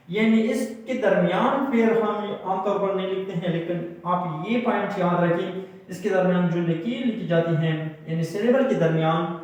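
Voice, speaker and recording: Guy teaching english grammar, high-ish voice, drags words out syllable by syllable, super echoey room. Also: darkish tone. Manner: repeats and stretches out words to stress syllables; writes on a board while explaining. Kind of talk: classroom-style grammar lesson.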